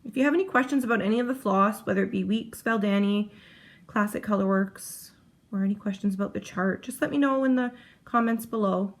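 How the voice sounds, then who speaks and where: A woman's voice: mid-range voice, brisk. A woman chatting casually to camera about her cross-stitch project, rambling and often breaking off mid-sentence. She is heavily pregnant. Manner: chatty, rambling, self-interrupting.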